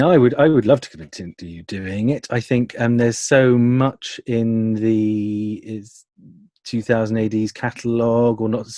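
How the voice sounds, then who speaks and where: With studio-quality sound and no echo, a man working as an audio producer discusses creative work in a conversational interview. His medium-pitched voice is a little mellow, and he speaks with enthusiasm, wordily rephrasing his thoughts along the way.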